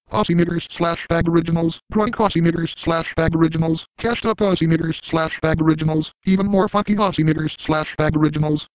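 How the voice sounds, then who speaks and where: A crude, unhinged middle-aged cartoon dad, voiced by a man rambles through a comedic parody monologue. His voice sits high for a man and keeps breaking into repeated silly sound effects. The recording is dry and close. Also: clean tone, dry recording, close to an everyday voice, poor audio.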